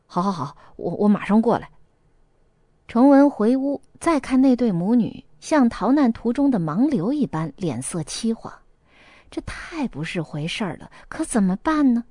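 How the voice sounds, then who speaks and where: A woman narrating a novel as a scripted audiobook, with lively storytelling and a light erhua. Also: fairly high pitch, normal speed, no echo, studio quality.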